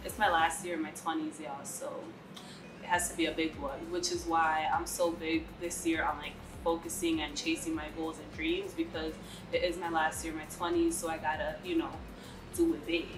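A woman's voice: low voice, little pitch movement, normal speed, echoey room, over music, rough recording. A woman in her twenties from the Dominican Republic, chatting casually to camera with a stuffy nose from a cold. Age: 20s. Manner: chatty, slangy, addresses viewers directly. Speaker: vlogger. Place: bright living room, indoors.

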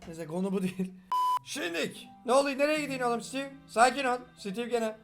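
A young man with a regional Turkish dialect, joking and fast-talking as he reacts to a game. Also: very high-pitched, animated, vocal fry, soft background music. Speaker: gaming video host. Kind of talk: casual reaction commentary.

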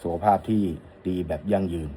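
A man's voice: a little fast, warm tone, slight background noise. A middle-aged man, an audio shop owner, casually answering a customer's question in a rambling, friendly way. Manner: rambling, friendly, polite particles. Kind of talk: casual talk to camera.

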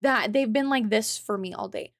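A woman's voice: on the high side, moderate pace, vocal fry, no room sound. A woman streamer in casual chat with her viewers, rambling and chatty with lots of filler words, laughing often between phrases. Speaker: game streamer.

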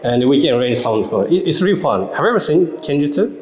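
A man in his thirties from Japan, with a Japanese accent, giving a casual, halting talk to a young audience with many fillers and questions. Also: on the high side, sing-song, a crowd in the background. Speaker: lecturer and festival speaker. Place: large hall, indoors. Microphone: stand microphone. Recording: roomy hall echo.

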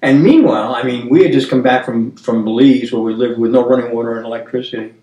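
A man's voice: medium pitch, dark tone, far from the mic. Older man in his 70s, earnest Bible-study host, tells stories with restarts; roomy, off-mic sound. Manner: earnest, storytelling, halting restarts. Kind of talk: casual Bible discussion. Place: dining room table, indoors.

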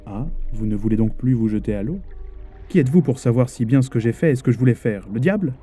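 A man voicing a stubborn, agitated sea captain who speaks in a gruff, exclamatory, insistent way. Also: medium pitch, lively intonation, fast, mellow, soft background music.

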